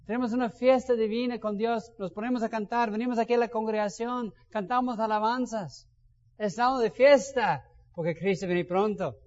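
A man preaching a sermon as a pastor, swinging between loud bursts and soft asides. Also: sits high, steady tone, moderate pace. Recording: dull sound with long reverb.

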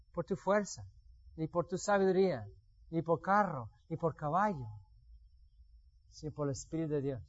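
A man's voice: high-pitched, dull audio. A man giving a sermon with personal testimony, telling stories and acting out what he once said. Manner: storytelling, acts out his own past words. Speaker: preacher.

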